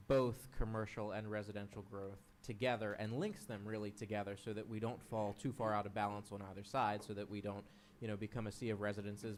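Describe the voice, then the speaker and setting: A man speaking as a town commissioner in a council work session, in a measured, articulate way on a meeting microphone. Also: fairly low pitch, slight background noise.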